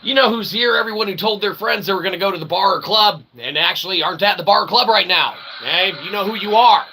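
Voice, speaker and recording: A livestream host with a high, fast, bright voice and a forceful tone rambles through a comedy stream, playing a self-mocking showman. He keeps tagging lines with little questioning catchphrases such as "okay?" and "eh?", and there's a slight hiss or hum on the audio.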